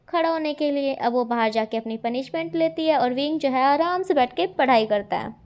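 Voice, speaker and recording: Woman narrator, high voice, casual storytelling read with listener asides. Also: a little mellow. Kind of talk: fan-fiction story reading.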